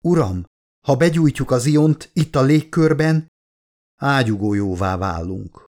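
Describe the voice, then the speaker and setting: A man's voice: mid-range voice, animated, a little mellow, voice pushed up, close to an everyday voice. A man reading an audiobook, voicing a nervous, loyal male pilot who talks tensely but politely. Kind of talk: audiobook character voice.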